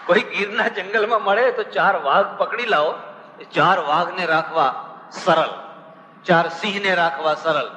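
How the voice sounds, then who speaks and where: Male monk, discourse style: storytelling, audience questions, slow chanted verses. Bright, fairly high voice, roomy hall reverb. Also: slight background noise. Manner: humorous storytelling with rhetorical questions; chants scriptural verses slowly. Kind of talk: spiritual discourse on scripture. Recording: reverberant hall with faint ambience.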